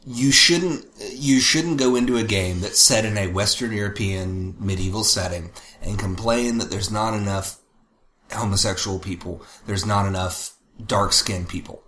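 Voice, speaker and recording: With a fairly bright, low-leaning voice at normal speed, this podcast co-host talks casually and thoughtfully, wandering as he thinks aloud and fixing his own wording along the way. Faint background noise fills a roomy-sounding recording.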